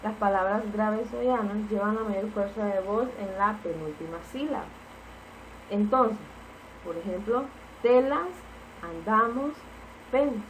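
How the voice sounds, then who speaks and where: A woman's voice: medium pitch, a little slow, a little hiss or hum, rough recording. A woman teacher giving a spelling lesson, explaining each rule patiently and repeating the key points.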